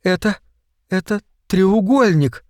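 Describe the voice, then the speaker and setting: A man voicing an excitable young woman scientist. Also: slow, no room sound, clean studio sound. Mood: stunned. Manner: high startled exclamations.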